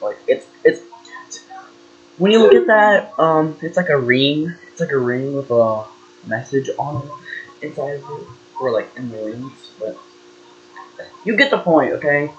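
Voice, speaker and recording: A man's voice: mid-range voice, lively intonation, normal speed, a little hiss or hum. A young man hosting his gaming channel, rambling casually with lots of fillers and hesitations. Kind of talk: casual vlog chat. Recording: dull lo-fi mic.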